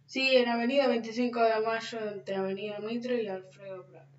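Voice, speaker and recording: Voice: mid-range voice, little pitch movement, normal speed, dull audio, close to an everyday voice. A reader voicing a naive, friendly schoolboy who answers questions plainly and obligingly. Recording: roomy, from far off, faint noise.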